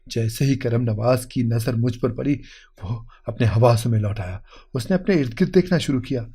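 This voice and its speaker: A man's voice: mid-range voice, mellow, slightly rough. A man narrating an emotional moral story in an earnest, heartfelt reading.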